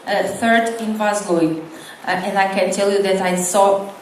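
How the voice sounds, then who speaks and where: A woman's voice: mid-range voice, little pitch movement, unhurried. A middle-aged woman from Portugal, an English teacher giving a conference talk, hesitant with many fillers and restarts. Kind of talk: conference presentation. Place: conference hall. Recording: echoey hall from far off, faint noise.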